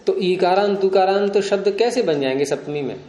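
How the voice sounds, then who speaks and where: A man's voice: high voice, moderate pace, warm tone, reverberant. A man teaching Sanskrit grammar in a classroom lecture, patiently explaining and quizzing his students.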